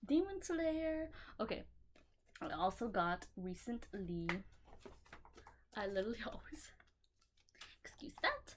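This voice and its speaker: Rambling, excitable young woman. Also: on the high side, a little hiss or hum. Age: young adult. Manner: rambling, excitable, swears casually. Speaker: vlogger showing her manga collection. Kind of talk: casual chat to camera. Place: bedroom.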